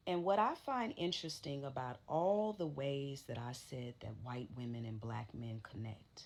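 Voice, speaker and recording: A woman's voice: rumbling low, moderate pace. A woman giving reaction commentary in a wry, teasing and pointed way.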